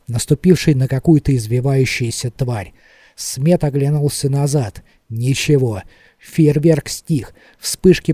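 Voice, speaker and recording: An audiobook narrator with a mellow, mid-range voice gives a measured, expressive scripted reading of a novel. The recording is dry, with clean studio sound.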